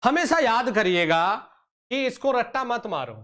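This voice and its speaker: Very high-pitched, expressive and a bit bright, this man's voice leads an online exam-prep class. Affectionate yet sometimes scolding, he coaxes students he calls "beta" and "pyare bachche," stretching important terms out slowly.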